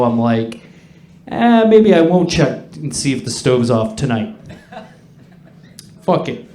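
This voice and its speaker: A man performing stand-up comedy to a live audience, with a crude, profane, conversational delivery and dark jokes. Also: a little high, slight background noise. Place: indoor pub comedy stage. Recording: echoey live comedy room.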